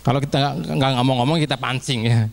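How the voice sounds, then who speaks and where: A man's voice: medium pitch, fairly even intonation, fast. A man, a teacher, giving a casual training presentation to fellow teachers, chatty and acting out little classroom dialogues. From Indonesia.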